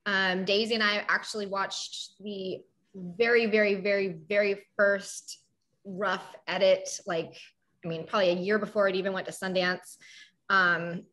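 A woman's voice: mid-range voice, little pitch movement, unhurried, fairly bright tone. Young woman, chatty, full of fillers. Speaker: panel guest, survivor. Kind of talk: casual panel talk.

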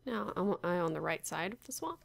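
A woman's voice: lowish voice, lively intonation, a little fast, gravelly. A woman casually talking to herself while playing a block-building game, unsure and wry, muttering about where she is. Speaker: Minecraft player. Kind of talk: casual gameplay commentary.

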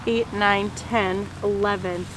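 A woman in her thirties chatting casually on a homestead vlog, outdoors in the garden, easily excited and quick to laugh. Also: mid-range voice, slight background noise. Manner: excitable, gasping and laughing at surprises. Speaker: homesteading vlogger. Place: outdoors in a rainy farm garden. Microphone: handheld camera mic.

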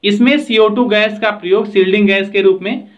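A man's voice: sits high, fairly even intonation, normal speed, dull audio. A man teaching trade theory over slides, explaining steadily with frequent filler phrases. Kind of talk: slide lecture with annotations.

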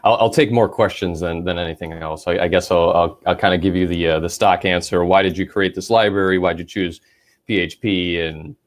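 A man from Chicago, the author of the library, talking eagerly in a casual video call with many halting restarts. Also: low-pitched, fairly even intonation.

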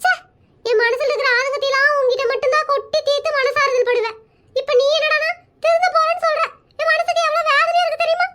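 A woman's voice: extremely high pitch, a little fast, bright, forceful tone. A woman voicing a nosy, dramatic neighbour woman in a cartoon comedy, speaking in a whining, theatrical, wheedling way. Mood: whiny.

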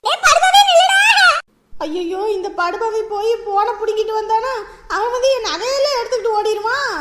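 An actress playing a frantic housewife who pleads, wails and scolds. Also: female voice, steady tone, a little fast, roomy sound. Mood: wailing. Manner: shrill, wailing and scolding. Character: frantic housewife wailing at a thief.

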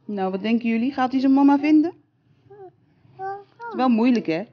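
A woman's voice: sits high, sing-song, moderate pace, dull audio. A woman reading a picture book aloud to young children, sing-song and coaxing, asking them questions as she goes.

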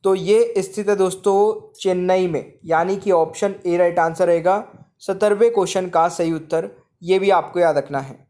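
Over on-screen slides, a man with a fairly high, steady, slightly mellow voice runs a general-knowledge quiz at normal speed. He reads each question twice, treating viewers as friends, then gives the correct answer.

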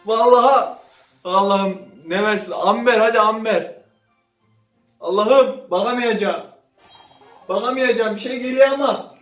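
A man doing casual gaming commentary as he opens loot boxes, swinging between low muttering and sudden loud outbursts. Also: unhurried, long pauses, recorded from a distance. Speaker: gaming channel host. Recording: roomy sound from off-mic with faint music.

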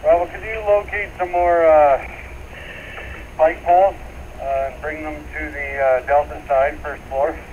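A firefighter on the fire ground giving clipped call-outs over a two-way fire radio. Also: male voice, a little high, fairly even intonation, measured pace. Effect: two-way fire radio transmission. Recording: muffled radio audio under heavy static.

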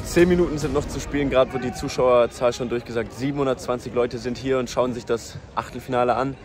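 A man giving informal, partisan pitchside match updates in short clipped phrases, recorded outdoors at a football ground. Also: steady tone, fast, music in the background. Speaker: vlogger commentating on a youth football match.

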